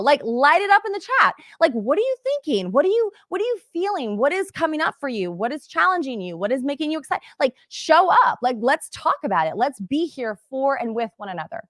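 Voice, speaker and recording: A woman coaching an online workshop in an energetic, conversational way, often saying "like" and "right?". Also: on the high side, no echo, studio quality. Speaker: business coach. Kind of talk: motivational workshop talk.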